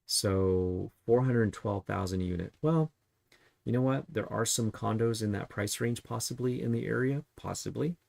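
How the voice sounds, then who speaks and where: A man's voice: lowish voice, normal speed, vocal fry, darkish tone, no room sound. A man working as a real estate agent, casually talking through property listings in a chatty way and tossing out rhetorical questions. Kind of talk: casual market review while browsing listings.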